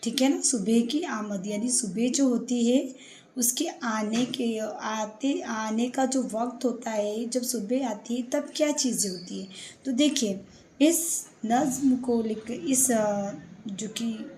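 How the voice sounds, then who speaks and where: A woman's voice: a little high, takes it slowly, mellow, a little hiss or hum. A woman teacher patiently explaining a poem line by line to young students.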